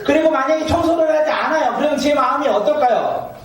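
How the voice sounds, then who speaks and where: A man's voice: very high voice, fast talker. A man preaching a sermon as pastor, asking his congregation questions and acting out everyday scenes with laughter. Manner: asks the congregation questions and waits for replies. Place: church sanctuary. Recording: echoey church hall from a distance.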